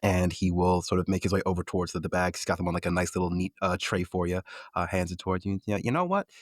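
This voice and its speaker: A man narrating as game master in a tabletop game, relaxed with many fillers. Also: sits low, quick pace, no echo, clean studio sound.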